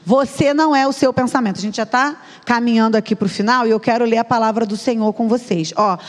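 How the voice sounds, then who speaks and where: A woman's voice: a little high, fairly even intonation, fast. A Brazilian woman in her thirties, a psychologist giving a chatty conference talk in a church and speaking straight to the audience. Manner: chatty, addresses the audience directly. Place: church hall. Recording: long reverb of a church hall.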